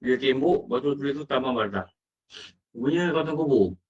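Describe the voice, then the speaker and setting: A religious teacher with a Malaysian Malay accent gives a brisk, animated Islamic lecture in a medium-pitched voice. He puts questions to his audience and acts out quoted lines, heard through a muffled, distant microphone.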